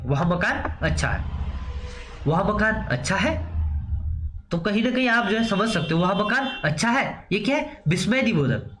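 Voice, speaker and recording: A man's voice: high voice, a bit bright. A man teaching an exam-prep grammar lesson. He asks questions and answers them himself, with a frequent "theek hai" to check in. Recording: roomy echo, faint background noise.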